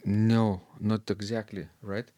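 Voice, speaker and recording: A man co-hosting a talk about organ music, speaking slowly and hesitantly with many fillers. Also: fairly low pitch, little pitch movement, dark tone, dry recording. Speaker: podcast co-host discussing organ music. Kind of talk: casual discussion.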